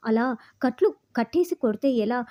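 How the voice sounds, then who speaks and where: Brief: sly, taunting housewife hostage, high voice, muffled lo-fi audio, read by a woman narrator. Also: animated, moderate pace, lightly acted. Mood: mock-innocent. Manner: mock-innocent, taunting.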